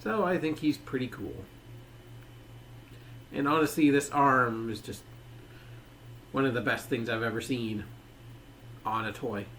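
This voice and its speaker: A man's voice: medium pitch, unhurried, pauses often, a bit bright, slight background noise. A man giving a casual toy review, rambling and leaning on filler words.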